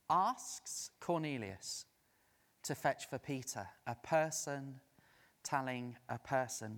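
Man preaching in a reverberant hall. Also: mid-range voice. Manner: lively storyteller who acts out quoted voices. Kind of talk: sermon with storytelling. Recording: long reverb of a large hall.

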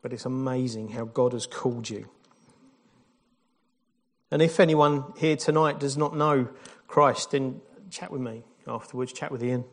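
A man gives a relaxed baptism sermon, dropping in jokes, fillers and restarts as he goes. He speaks at an everyday middle pitch, addressing a church congregation. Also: unhurried. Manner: informal, jokey preaching with fillers and restarts. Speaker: pastor.

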